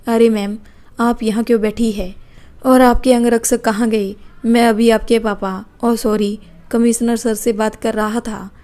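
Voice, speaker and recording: A woman's voice: fairly high pitch, level tone, unhurried, dark tone, natural voice. A woman voicing a cheeky young man on a train who teases and mocks in playful banter. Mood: mock-polite.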